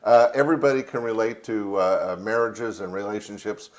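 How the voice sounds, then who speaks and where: A man's voice: lowish voice, steady tone, fairly quick, darkish tone. A man hosting a video showcase, chatting casually and speaking well of the acts he introduces. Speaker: show host.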